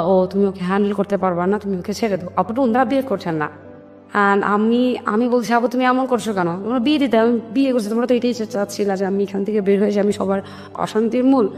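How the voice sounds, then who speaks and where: During an interview, a Bangladeshi woman animatedly retells her life story, voicing her family's dialogue and mixing in English words. She talks quickly at a medium pitch. A long, hall-like reverb hangs over the recording, with music underneath.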